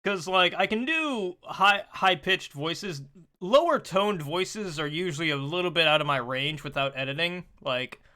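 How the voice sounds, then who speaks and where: A man's voice: a little high, lively intonation, a little slow, bright, forceful tone. A man hosting a casual gameplay video, chatting in a rambling, self-deprecating way. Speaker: let's-play host.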